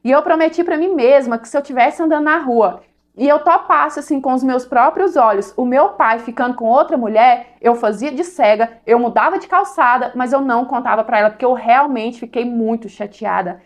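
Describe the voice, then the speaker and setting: A woman with a slightly high voice narrates a personal story in a confiding, chatty tone. She keeps a conversational flow, often pausing to check in with her listener. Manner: confiding, conversational, tags with "sabe?".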